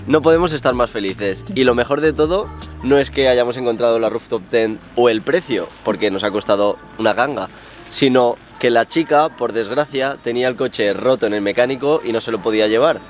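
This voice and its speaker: A man, chatting to camera as a travel vlogger at an outdoor campsite, relaxed and enthusiastic. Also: medium pitch, fairly quick, soft background music. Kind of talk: casual chat to camera. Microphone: on-camera mic, handheld or tripod framing.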